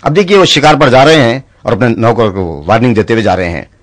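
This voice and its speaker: A man's voice: mid-range voice, fast, dry recording. A man telling short jokes on stage and switching into acted voices for his characters. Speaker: stand-up comedian.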